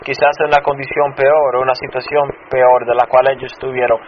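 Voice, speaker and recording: A man who grew up in Chicago and serves as a pastor, giving a personal testimony in a sermon, halting and restarting often. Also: medium pitch, flat delivery. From Chicago, United States. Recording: dull muffled sound with faint noise.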